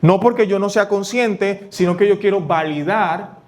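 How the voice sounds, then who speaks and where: A man's voice: sits high, moderate pace, a little mellow. A male pastor giving a sermon, talking it through conversationally and asking and answering his own questions. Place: church.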